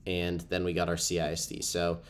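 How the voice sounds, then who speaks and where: A young man, a trading educator, walks through a trading setup on a screen recording, his low voice stuffy from a cold. He talks briskly with a completely flat delivery, casual and full of frequent ums.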